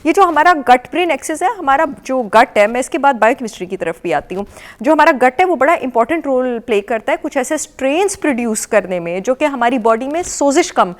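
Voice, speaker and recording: Pakistani lady on a tv studio morning show, fairly high voice, lectures on science with lots of repeating for emphasis. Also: lively intonation, brisk. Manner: lecturing, emphatic repetition, mixes English phrases. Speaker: nutrition expert guest. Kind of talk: explanatory talk-show chat. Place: television studio.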